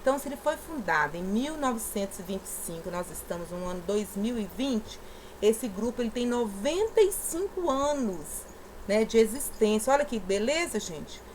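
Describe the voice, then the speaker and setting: A woman's voice: a little high, sing-song, moderate pace, darkish tone, a little hiss or hum, poor audio. Patient woman teacher stressing syllables. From southeastern Brazil. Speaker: primary school teacher. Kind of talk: recorded lesson explanation.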